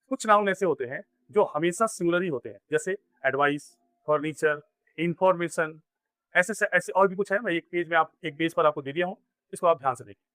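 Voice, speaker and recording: A man's voice: high voice, pushed and bright, dry recording. A man teaching a grammar lesson, explaining step by step and asking and answering his own questions. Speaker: English teacher. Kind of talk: classroom grammar lesson in Hindi.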